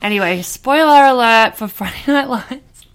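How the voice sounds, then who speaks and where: A young adult woman co-hosting a podcast in casual chat, gushing about what she loves and quick to laugh. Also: a little high, expressive, clean tone. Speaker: podcast co-host.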